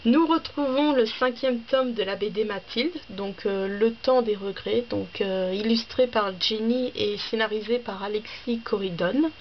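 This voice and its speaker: A woman's voice: on the high side, unhurried, few pauses. Woman rambling thru her book vlog, lots of ums and restarts, kinda muffled recording w a little background hiss. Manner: hesitant, many fillers and restarts; chatty, listing items one by one. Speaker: book vlogger. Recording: slightly dull with faint background noise.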